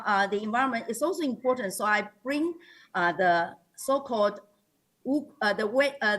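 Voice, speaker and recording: A woman's voice: fairly high pitch, a bit bright, poor audio. A woman with a Taiwanese accent gives a formal slide presentation as a school principal, hesitating and correcting herself often. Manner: halting, frequent hesitations and self-corrections.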